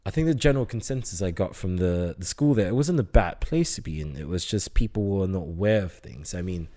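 A man's voice: low-pitched, expressive, fairly quick, dark tone. A man in his twenties from Singapore, a chemistry student chatting casually in an interview, hesitant with many fillers. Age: 20s.

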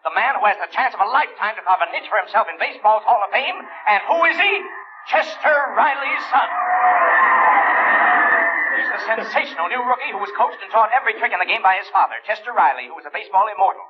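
Booming, high-pitched old-time baseball announcer. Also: male voice, lively intonation, quick pace, crowd noise. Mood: excited, dramatic. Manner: booming announcer, dramatic play-by-play. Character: imaginary excited male radio baseball announcer, booming and folksy. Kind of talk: 1940s radio comedy sports commentary. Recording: dull, noisy old radio recording.

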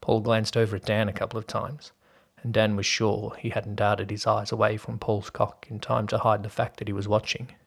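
A man hosting a podcast and narrating a story in an even, steady reading voice. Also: on the low side, normal speed, vocal fry, slightly rough.

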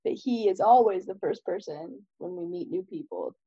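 A woman's voice: medium pitch, animated, moderate pace, mellow, slightly rough, dry recording. A woman chatting casually as an author and guest on a podcast, on slightly dull, lo-fi audio. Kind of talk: casual interview chat. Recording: dull, lo-fi band-limited audio.

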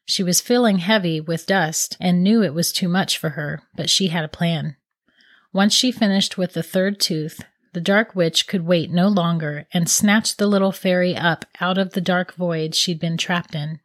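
A woman calmly narrating a scripted fairy tale. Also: on the low side, normal speed, no echo, studio quality. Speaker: storyteller.

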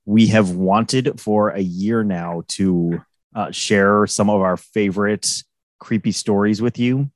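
A man's voice: lowish voice, fairly even intonation, takes it slowly, dry recording. A man co-hosting a podcast in a casual, conversational way. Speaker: podcast co-host. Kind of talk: casual podcast chat and introduction.

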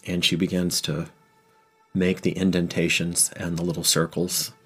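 Deep-voiced man narrating as game master. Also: flat delivery, fairly bright tone, slightly rough, soft background music. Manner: vivid, descriptive narration with pauses.

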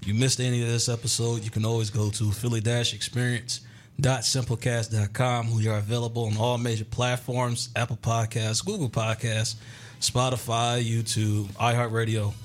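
A man with an American accent and a hoarse, worn-out voice that is nearly gone, talking casually about sports as a podcast host. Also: mid-range voice, level tone, normal speed.

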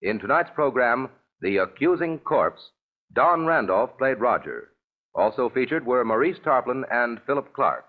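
A man's voice: mid-range voice, very animated, measured pace. Old radio announcer guy, american, 1940s credits read, thin tinny sound. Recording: tinny narrow-band vintage radio recording.

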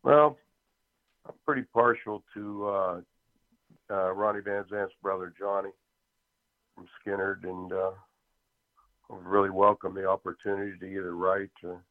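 A man's voice: low-pitched, fairly even intonation, a little slow, pauses often. A man from a band, a guest talking in a folksy, rambling way full of fillers, heard over a tinny phone line. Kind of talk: casual interview chat.

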